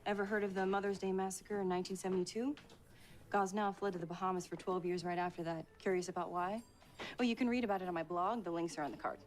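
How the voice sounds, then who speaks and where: A pushy young female blogger in a naturalistic drama, played by an actress. She fires off her questions quickly in a slightly low voice, cheeky and persistent. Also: steady tone, close to an everyday voice. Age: young adult. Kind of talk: naturalistic film acting.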